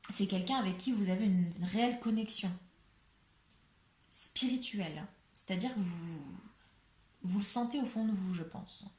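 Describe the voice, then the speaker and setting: A woman's voice: mid-range voice, normal speed, long pauses, warm tone, reverberant. A French woman giving a chatty, reassuring tarot reading to her viewers, with many fillers and restarts. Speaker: tarot card reader. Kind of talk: casual tarot reading to camera.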